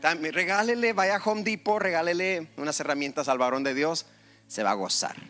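A male pastor preaching a lively sermon in a church, joking with the congregation and calling for amens. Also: a little high, normal speed, faint music behind. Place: church hall.

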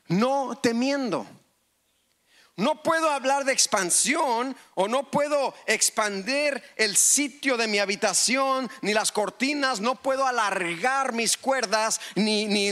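A man preaching a lively sermon in church, asking the congregation questions and acting out quotes. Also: very high-pitched. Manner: animated, asks the crowd, acts out quotes.

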